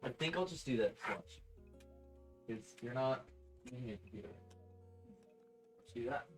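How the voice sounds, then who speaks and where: A man's voice: mid-range voice, expressive, normal speed, soft background music. A young adult man streaming live, chatting casually with his audience in a rambling way and laughing often.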